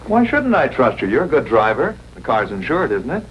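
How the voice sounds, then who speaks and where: An actor playing an easygoing, teasing Air Force captain and husband in a 1950s TV broadcast drama, with folksy banter. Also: male voice, medium pitch, huge pitch swings, fairly quick, a bit bright, highs cut off. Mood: mild, reassuring. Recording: noisy old 1950s TV soundtrack.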